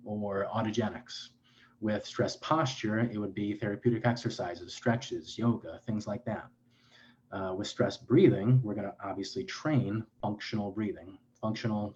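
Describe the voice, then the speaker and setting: A man's voice: fairly low pitch, steady tone, moderate pace, darkish tone, lo-fi sound, a little hiss or hum. A man speaking as a clinician guest in an interview, explaining in an earnest, lecturing way with frequent restarts and self-corrections.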